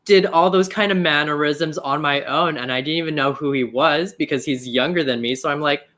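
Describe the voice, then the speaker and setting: A drag queen in his thirties co-hosting a live chat show, sassy with quick quips. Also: on the high side, a bit bright.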